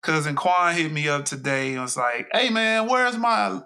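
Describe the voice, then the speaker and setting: A man's voice: on the high side, expressive, moderate pace, bright, forceful tone, clean tone. A middle-aged man co-hosting a casual podcast with his daughter, laid-back with dry humor. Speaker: podcast co-host. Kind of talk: casual chat.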